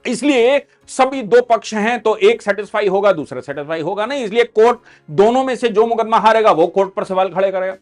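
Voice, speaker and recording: A man's voice: high-pitched, a little fast, soft background music. A man giving emphatic explanatory commentary on a court ruling, as a legal educator, posing rhetorical questions.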